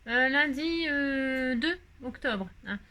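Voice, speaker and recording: A woman with a high voice chats casually while she crafts, rambling from one thing to the next and joking as she goes. She fills her talk with little fillers and sounds hot and a bit worn by the heat. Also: expressive, takes it slowly, pushed and bright. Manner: rambling, playful, chatty with many fillers and jokes. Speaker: crafting vlogger.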